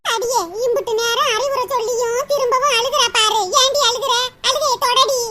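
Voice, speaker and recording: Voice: fairly even intonation, normal speed. A performer voicing an elderly village mother in a cartoon, scolding yet tender and tearful. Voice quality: squeaky, sped-up high voice. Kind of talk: cartoon voice acting. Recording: loud background noise.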